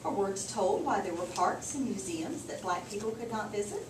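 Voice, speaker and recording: During a storybook read-aloud and class discussion with children, a female teacher echoes and affirms what her listeners answer. She speaks at a normal speed in an animated, medium-pitched voice. The room is noisy and echoey, and the microphone sits far away.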